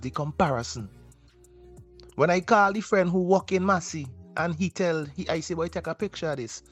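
A man's voice: on the high side, fairly bright tone. A man from Saint Vincent with a Vincentian accent, calling a radio show to give impassioned, rhetorical commentary in dialect. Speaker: call-in radio caller.

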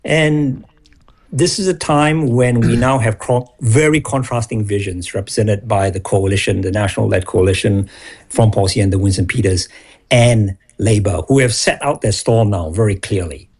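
A man who grew up in Singapore, speaking as an expert guest in a measured, analytical way. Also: on the low side, a little mellow, slightly rough. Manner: measured, analytical, restarts on words. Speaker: guest expert on foreign policy. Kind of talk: broadcast interview.

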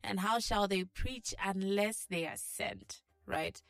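A woman's voice: mid-range voice, takes it slowly, no echo. A woman hosting a morning radio show as a DJ, talking straight to listeners in an encouraging, exhortative way with frequent check-in questions. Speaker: radio breakfast show host. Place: radio studio.

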